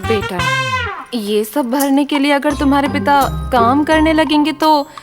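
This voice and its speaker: A scolding mom, high voice, music in the back. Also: female voice, unhurried. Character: middle-aged mother, sharp-tongued. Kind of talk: Hindi film dub. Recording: film soundtrack with music.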